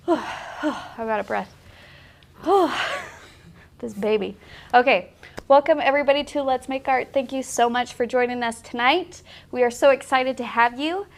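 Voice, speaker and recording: In an art studio, a woman with a slight cold hosts a live painting tutorial, talking in a casual live-stream style. Her voice is fairly high and a little slow, and she chats freely, laughs often, and uses plenty of fillers.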